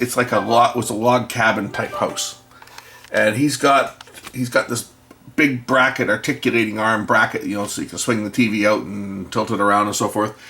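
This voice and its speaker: A middle-aged man tells a casual, rambling story with wry humour as he tinkers at his bench. He drops into quieter muttered asides about the repair now and then. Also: mid-range voice. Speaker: video maker and electronics tinkerer. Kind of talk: casual anecdote told while repairing.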